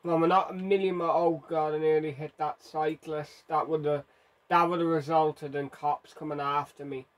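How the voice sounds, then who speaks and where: A gaming video host with a fairly high voice that barely moves in pitch speaks at normal speed. He delivers frantic, self-mocking live commentary while playing a driving game.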